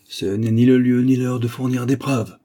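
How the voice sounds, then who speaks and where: A man voicing a menacing masked male avenger, hoarse, hissing and imperious as he makes his threats. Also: mid-range voice, flat delivery, normal speed, dark tone, lightly acted. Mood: commanding.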